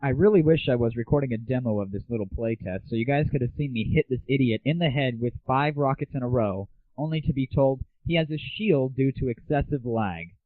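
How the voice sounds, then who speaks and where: A man speaks at a brisk clip with hardly any pauses, his voice medium in pitch and free of echo. Solo-hosting an internet audio show, he gives a crude, sarcastic, irreverent scripted monologue about games and the internet, recorded as dry, muffled 1990s lo-fi audio.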